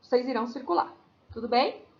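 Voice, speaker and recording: High, gravelly Brazilian woman teacher. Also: a little fast, dull audio, slight background noise. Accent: Brazilian Portuguese. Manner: patient, explaining step by step; checks in with tag questions. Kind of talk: recorded class lesson for children.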